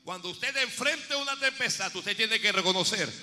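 A man pastor preaching a sermon, rising to shouts and dropping to quiet asides. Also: high-pitched, expressive, moderate pace, big-room sound, faint music behind.

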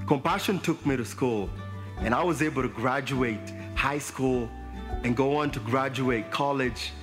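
A man from Kenya giving a calm, measured personal testimony in a video. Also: medium pitch. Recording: video with music underneath. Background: guitar music.

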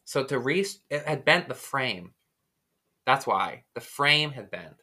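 Male podcast co-host, casual storyteller, bright tone, filler-heavy delivery. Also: medium pitch, lively intonation, takes it slowly. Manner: rambling, lots of "like" fillers.

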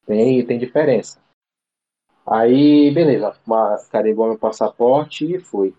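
A man from Brazil talks as an interview guest, his voice mellow and relaxed in tone. He tells his story casually and loosely, with plenty of slang, fillers and false starts. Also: medium pitch, unhurried, muffled recording. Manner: slangy, rambling, full of fillers and restarts. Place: living abroad in Ireland.

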